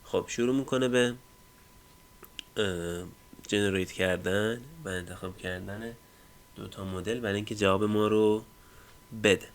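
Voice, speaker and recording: A man hosting a casual screen-recorded software tutorial, explaining step by step with frequent fillers and trailing line ends. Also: on the low side, fairly even intonation, pauses often. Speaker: tech tutorial host.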